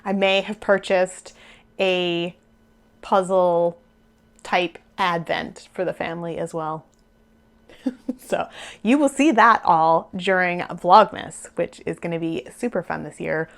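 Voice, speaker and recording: Talking to camera on her knitting podcast, this woman of thirty to forty-something rambles easily and laughs softly. Her fairly low voice moves slowly and sounds slightly worn, as if she's starting to lose it.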